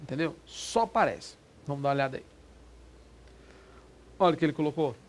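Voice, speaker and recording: A man teaching a Portuguese exam prep lesson in a lively, quick, informal way, often checking that the class follows. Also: fairly high pitch.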